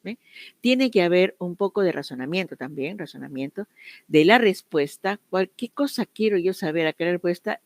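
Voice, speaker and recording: A woman's voice: fairly low pitch, lively intonation, normal speed, no echo. Woman teaching an online English class. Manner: explains step by step, switching between Spanish and English examples.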